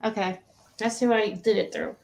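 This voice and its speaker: Hosting a casual true crime chat on a livestream panel, this woman rambles informally as she poses questions. She speaks at a normal speed in a gravelly, mid-range voice.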